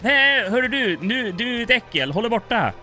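A man's voice: very high-pitched, big pitch swings, sharp tone, faint music behind, voice pushed up, exaggerated voice. A man voicing a sassy, blunt young female creature in a video game, asking teasing, snappy questions.

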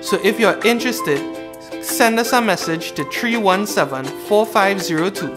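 A young man hosting a children's Sunday school session and leading a prayer, calm and friendly. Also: sits high, moderate pace. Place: studio with green screen. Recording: music playing underneath.

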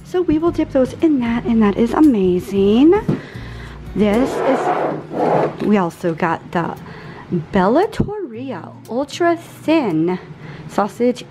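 A woman's voice: a little high, big pitch swings, slow pace, long pauses, music in the background. A woman in her forties chatting casually at home as she goes through her grocery haul item by item. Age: 40s. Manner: chatty, friendly product rundown. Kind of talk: casual chat.

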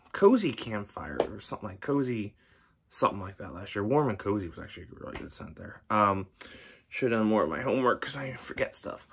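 A candle reviewer in his thirties chats casually to camera for a product review vlog in a home room lined with record shelves. His mid-range voice is a bit bright. He rambles, with many ums and restarts.

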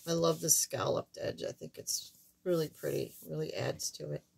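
An older woman with a thin, squeaky voice that sits fairly low and sounds a little hoarse. She talks in a casual, halting way, as the host of a hands-on craft tutorial. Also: darkish tone. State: hoarse while recovering from surgery. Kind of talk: casual card-making demonstration. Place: indoors at a wooden craft table, camera overhead.

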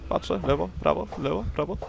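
A man's voice: fairly high pitch, fast talker, gravelly, highs cut off, noisy background. A young man doing let's play commentary, sarcastically talking back to the enemies on screen. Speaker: gameplay commentator.

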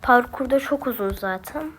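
A woman's voice: on the high side, moderate pace, a little hiss or hum. A woman with a Turkish accent, talking to herself and grumbling while she plays a video game. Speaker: gameplay streamer. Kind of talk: casual gaming commentary.

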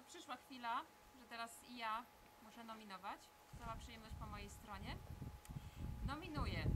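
A middle-aged woman speaking casually to the camera out in a garden. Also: fairly high pitch. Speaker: challenge participant addressing the camera. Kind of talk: casual spoken address to camera. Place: outdoor garden, lawn. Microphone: camera several metres away. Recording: noisy outdoor recording.

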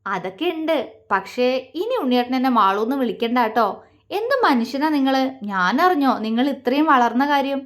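A woman's voice: sits high, lively intonation, brisk. A woman voicing an affectionate teasing young wife. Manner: affectionate, coaxing, softly pleading. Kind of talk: audio story character voice.

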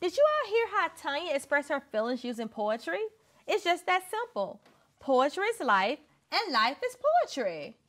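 A woman's voice: sits high, wildly swooping pitch, normal speed, a bit bright, full character voice. A woman playing an encouraging poetry teacher on a children's show, in a broad singsong delivery. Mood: upbeat, teaching. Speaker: teacher, show's star. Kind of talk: scripted children's show acting. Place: indoor TV studio set, light music behind.

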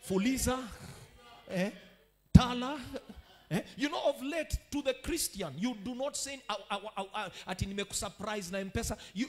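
A man with a Kenyan accent preaching a sermon as pastor, swinging from quiet teaching to shouted declarations and calling for amen. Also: very high voice.

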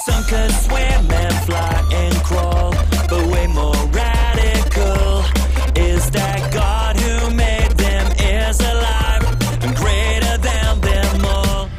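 Woman vocalist, energetic children's worship song over a loud pop track. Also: mid-range voice, takes it slowly, over loud music. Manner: energetic sung shouting. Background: pop backing track.

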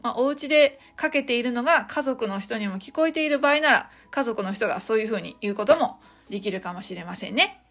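High-voiced woman teaching English. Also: lively intonation. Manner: cheerful, explains slowly, models English phrases slowly. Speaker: podcast host teaching English. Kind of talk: solo podcast English lesson. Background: soft background music.

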